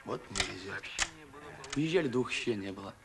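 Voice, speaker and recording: An actor playing a wry, pestering worker at a shop counter in a Soviet film. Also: male voice, fairly low pitch, animated, normal speed. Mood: wry, complaining. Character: wry, pestering male worker trying to charm shop clerk. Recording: old film soundtrack, background chatter.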